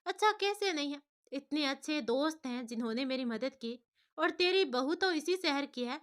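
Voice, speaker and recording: A woman voicing an easygoing, warm-hearted young man who talks in a relaxed, affectionate way. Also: sits high, moderate pace.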